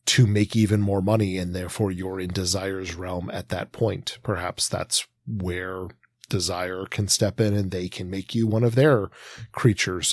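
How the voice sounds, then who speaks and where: A man in his forties co-hosts a literary podcast, his low voice captured in clean studio quality with no room sound. He offers conversational commentary on books, talking in a hesitant, meandering, exploratory way.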